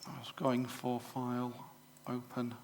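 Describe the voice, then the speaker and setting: A middle-aged English man giving a live demonstration to a club audience, chatty and full of fillers and quick self-corrections. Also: mid-range voice, monotone, a little mellow, a little hiss or hum. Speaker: presenter at a computer club show. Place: exhibition room at a club show.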